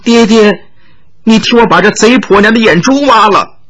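A man's voice: high voice, moderate pace, fairly bright tone, voice pushed up. A man voicing a frightened, spoiled young girl who cries and pleads shrilly for her father. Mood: whining.

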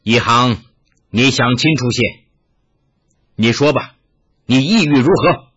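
一位男子演绎一位严肃的年长道长，嗓音沙哑，语气从容而严厉，录音音质发闷。. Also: male voice, medium pitch, husky, dull audio. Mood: stern. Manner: slow measured, then sharp commands. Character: stern elderly Taoist elder, senior uncle.

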